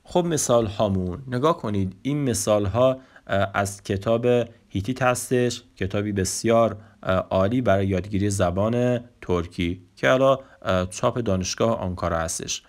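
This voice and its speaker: A man who speaks as his teaches a Turkish grammar lesson, often saying "look" and slowing down to pronounce the example sentences. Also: on the low side. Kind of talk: explanatory language lesson.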